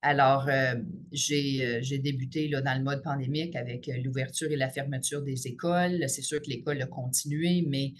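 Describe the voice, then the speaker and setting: Speaking in a rumbling low, steady tone, a Franco-Ontarian union president for teachers, a woman in her fifties from near Ottawa, gives a podcast interview. Her speech is measured and full of "euh" and "là" fillers, with a bit of background noise behind her.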